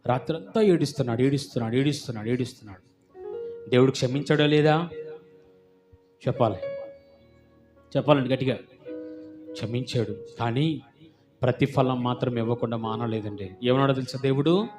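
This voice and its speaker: A man's voice: medium pitch, brisk, long pauses, a little mellow, soft background music. A man preaching a sermon as pastor, fervent and emphatic, firing rhetorical questions at the congregation and repeating words for emphasis.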